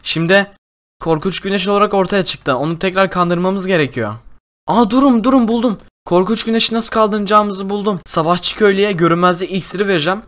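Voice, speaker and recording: Young male gaming host, minecraft role-play, high voice, excitable, lots of exclamations. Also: a little fast.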